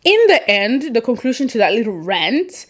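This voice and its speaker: Hosting a casual commentary, a young non-native English speaker rambles along cheerfully and laughs at what she says. She talks at a moderate pace in a fairly high voice that swings widely in pitch.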